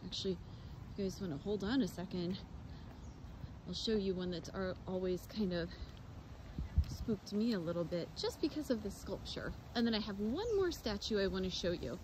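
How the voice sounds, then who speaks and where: A woman's voice: medium pitch, lively intonation, normal speed. Chatty woman on a windy walk. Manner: chatty, addresses viewers as "guys". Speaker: vlogger giving a walking tour. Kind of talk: casual walking-tour narration. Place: outdoors in a cemetery on a windy day. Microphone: phone camera held while walking. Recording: loud wind and outdoor noise.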